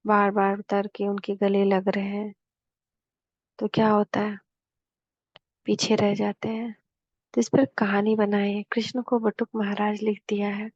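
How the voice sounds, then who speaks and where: Woman spiritual teacher, husky and flat-toned, dry and slightly dull recording. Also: mid-range voice, dry recording. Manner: homely explanatory storytelling, slow emphatic repetitions. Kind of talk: devotional class explaining scripture.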